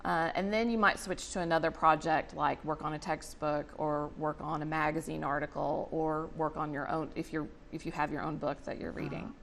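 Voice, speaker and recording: A woman's voice: low-pitched, fairly even intonation, normal speed, vocal fry, few pauses, a bit bright, a little hiss or hum. A woman explaining things in a chatty, conversational way as an interview guest. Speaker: guest, representative of a volunteer reading charity.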